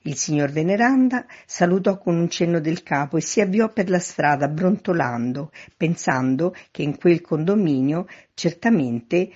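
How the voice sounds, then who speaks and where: Woman storyteller, low and husky, lively reading, muffled lo-fi sound. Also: moderate pace, few pauses. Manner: lively, acts out shouted dialogue in raised voices. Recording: dull, lo-fi recording.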